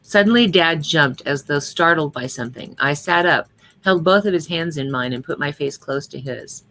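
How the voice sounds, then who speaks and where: A woman's voice: low-pitched, moderate pace, a bit bright, soft background music. A middle-aged woman reading a personal story aloud at a memorial service, with earnest storytelling that lightly acts out the dialogue, then reflecting on it.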